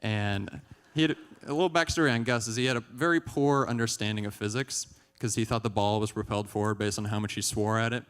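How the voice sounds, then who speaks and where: A young man performs a deadpan stand-up set into a stage mic, his voice smooth and clear. His delivery is dry, and he chuckles at his own jokes. The sound carries a long hall reverb. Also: on the low side. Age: young adult. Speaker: stand-up comedian.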